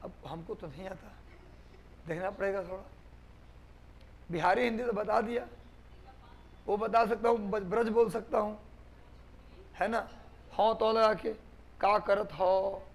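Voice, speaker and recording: A man's voice: high-pitched, fairly even intonation, measured pace, gravelly, long pauses, a little hiss or hum. A man from Bihar, teaching a live online class, repeating points for dictation and quizzing students. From Bihar, India. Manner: repetitive dictation, drilling students with questions.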